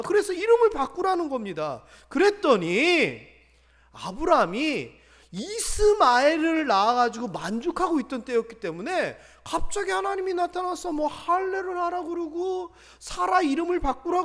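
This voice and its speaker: A male pastor preaching a Sunday sermon, retelling the story with lively rhetorical questions. His voice is very high for a man and rises and falls widely. The church hall adds a long, lingering reverb. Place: church sanctuary.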